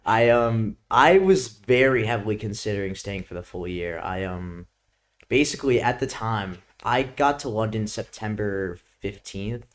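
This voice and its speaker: A man's voice: on the low side, unhurried. A young man with a New York accent, a student guest chatting casually and leaning on "like" a lot. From Brooklyn, New York. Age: young adult. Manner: laid-back, peppers speech with "like", laughs often. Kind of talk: casual chat.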